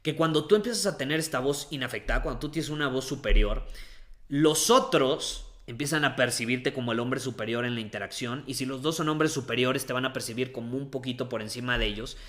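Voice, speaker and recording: Man, young adult, motivational coaching talk, emphatic and repetitive, bright tone. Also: medium pitch. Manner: emphatic, repeats key phrases, slows down on points. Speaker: coach giving dating and confidence advice.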